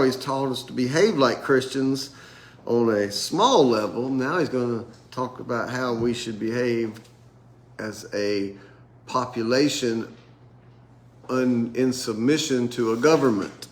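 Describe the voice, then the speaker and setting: Seated at a table with a group, a middle-aged American man runs an informal Bible study as their pastor. Congestion from a sinus infection makes his medium-pitched voice sound nasal, and his speech stumbles along with frequent restarts.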